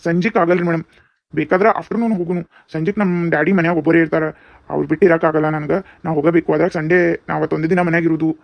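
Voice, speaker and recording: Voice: mid-range voice, steady tone, fast, creaky, dry recording, close to an everyday voice. A performer voicing a polite young office worker in a cartoon, with a North Karnataka Kannada accent and a grateful manner. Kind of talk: cartoon dubbing. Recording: dull lo-fi sound.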